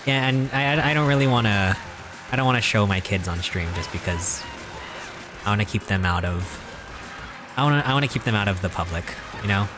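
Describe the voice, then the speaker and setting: Young guy streaming, kinda low voice, rambly deadpan jokes, music going loud behind him. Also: brisk. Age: 20s. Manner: rambling, mock-serious joking with frequent chuckles. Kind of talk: casual live-stream chat while gaming.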